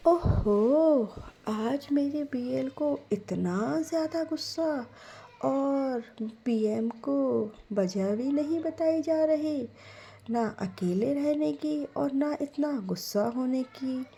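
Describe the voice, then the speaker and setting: A woman doing a doting mother, her voice lifted high and sing-song. She sounds sweet and coaxing, with a mellow tone and an unhurried pace. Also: creaky, heavily acted. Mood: hurt teasing. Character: doting middle-aged mother, sweet and affectionate. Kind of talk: storytelling role voice.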